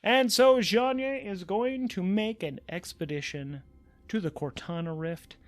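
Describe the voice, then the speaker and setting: Running a solo tabletop role-playing game, a high-voiced man narrates as the game master. His improvising comes out in halting bursts, with frequent repeated words.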